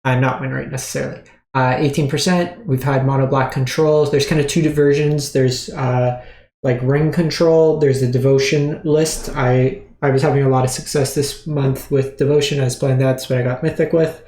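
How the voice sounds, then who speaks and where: A man's voice: medium pitch, moderate pace, echoey room. A man hosting a weekly card game strategy breakdown, talking casually with many fillers and restarts while he is still short of breath. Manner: relaxed, filler-heavy, frequent restarts. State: short of breath after surgery. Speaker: host. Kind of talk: casual gameplay meta breakdown.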